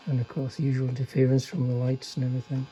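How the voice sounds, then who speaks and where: Heavy background noise surrounds an older radio repairer who demonstrates a restored chassis casually and by hand. He talks rapid-fire in a level, mid-range voice, yet stays understated and hesitant, his remarks trailing off.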